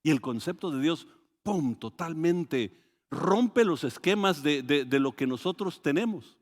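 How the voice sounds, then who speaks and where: A man with a Mexican Spanish accent preaching a sermon, animated and full of restarts, acting out quoted voices with sudden loud rises. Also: a little high, measured pace. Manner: hesitant restarts and repeated words. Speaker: pastor. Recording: long hall reverb.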